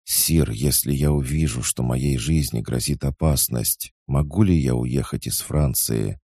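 A man's voice: rumbling low, unhurried, dark tone, no echo, clean studio sound, heavily acted. A man reading an audiobook, voicing a frightened, cunning male court poisoner who pleads and evades. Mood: pleading. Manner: pleading, evasive.

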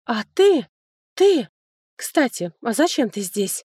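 A sharp-tongued young noblewoman, put on by a female audiobook reader, her voice lifted noticeably higher than the narration and edged with mockery. Dry, close recording with no room sound. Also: lively intonation, no echo, lightly acted. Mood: sarcastic. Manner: mocking, biting, quick to snipe. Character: sarcastic, touchy young noblewoman, younger sister. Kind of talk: audiobook character voicing.

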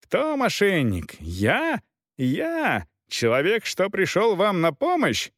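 A man's voice: mid-range voice, sing-song, a little slow, no echo, clean studio sound. A man doing a furious mercenary captain. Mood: shouting. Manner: shouting, taunting, indignant. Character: hot-tempered male mercenary captain, insulted, shouting.

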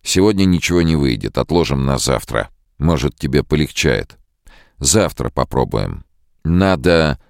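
A man's voice: very deep voice, sing-song, a little slow, creaky, no echo, studio quality, exaggerated voice. A man playing a tense, controlling man. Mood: firm. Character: tense, controlling man, outwardly calm, menacing.

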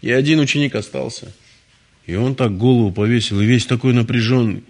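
A man's voice: mid-range voice, brisk. A man giving a devotional lecture in a conversational, storytelling manner, often restarting his words. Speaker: spiritual lecturer.

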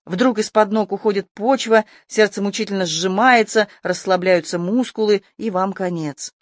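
An audiobook narrator reading a tense adventure story with steady, scripted delivery. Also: medium pitch, moderate pace, no room sound, clean studio sound.

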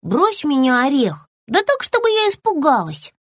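A woman voicing a small, anxious young female lizard in a storybook, with high, pleading, childish squeaks. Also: wildly swooping pitch, normal speed, dry recording, studio quality.

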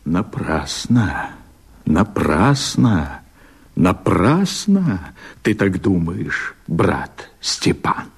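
Voicing a fiery rebel who declares himself emperor, a male actor declaims verse for a radio play in a low, husky voice with big pitch swings. His oratory is impassioned, theatrical and exaggerated, delivered extremely slowly with an insistent mood.

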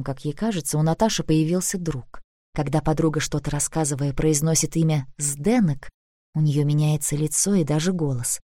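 A woman's voice: sits low, dark tone, dry recording. Woman reading an audiobook, dry sound. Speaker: narrator. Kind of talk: audiobook narration.

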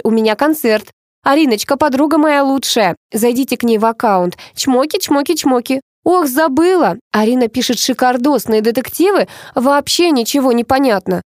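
A woman's voice: sits high, darkish tone, no echo, clean studio sound, pitched above the performer's own voice. A woman reading an audiobook and voicing a showy, gushing female pop singer who coos and chatters breathlessly.

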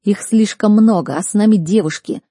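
A woman's voice: medium pitch, normal speed, no room sound, studio quality, close to an everyday voice. A woman voicing a brash, commanding young male mage who barks urgent orders in a storybook reading. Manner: barking, shouted orders.

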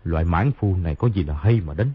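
A man voicing a calm, proud martial-arts master who speaks in a dismissive, matter-of-fact way. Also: low voice, fairly quick, husky, phone-quality sound, voice pushed down.

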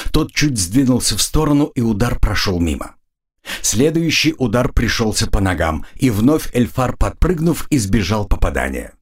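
A man narrating an audiobook in an expressive storytelling manner. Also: fairly low pitch, slightly rough. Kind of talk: scripted narration.

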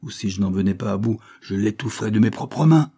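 A man reading an audiobook, voicing an irascible, sarcastic older spinster who scolds in loud outbursts. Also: on the low side, lively intonation, moderate pace, breathy edge. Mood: angry. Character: irascible sharp-tongued older spinster woman.

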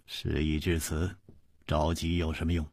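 A man voicing a calm, unflappable male hero swordsman in a storybook tale, speaking softly and slowly. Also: very deep voice, slightly rough, voice pushed down, heavily acted. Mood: resigned. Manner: soft, unhurried and composed.

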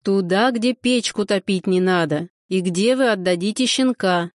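Женщина-чтец озвучивает грубоватого деревенского мужика, говорит медленно и с нажимом, будто рычит. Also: female voice, medium pitch, moderate pace, dry recording, studio quality, lightly acted. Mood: gruff. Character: gruff rural man, grumpy and blunt.

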